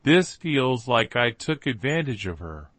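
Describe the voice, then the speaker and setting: Male narrator as self-assured, reflective storybook detective; measured fireside storytelling, slow and expressive. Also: medium pitch, dry recording. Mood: troubled. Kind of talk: story dialogue read by narrator.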